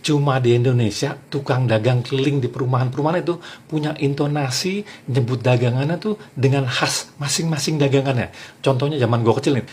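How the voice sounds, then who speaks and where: A man giving a stand-up comedy monologue, animated and mimicking vendors' calls. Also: medium pitch, a little fast, slight background noise.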